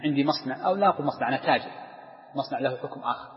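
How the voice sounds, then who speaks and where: A man's voice: medium pitch, rapid-fire. A man teaching jurisprudence to a class, explaining step by step with worked examples and questions to his students. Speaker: sheikh teaching Islamic jurisprudence. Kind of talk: lecture to students. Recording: dull lo-fi recording with long hall reverb.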